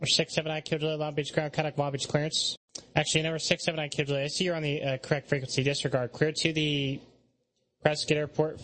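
A man's voice: on the high side, a bit bright, low-quality recording. A man working as an air traffic controller, giving clipped, procedural instructions over the radio.

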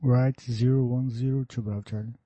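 Very dark-voiced male pilot on headset radio. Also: medium pitch, fairly even intonation, fairly quick, no room sound. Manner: clipped, procedural readbacks. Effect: pilot cockpit headset radio. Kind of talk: aviation radio calls. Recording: muffled lo-fi radio audio.

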